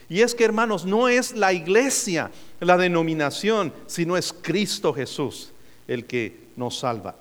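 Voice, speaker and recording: A man preaching a sermon as a pastor, calling on the congregation for answers and adding joking asides. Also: sits high. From United States. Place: church sanctuary. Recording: long hall reverb.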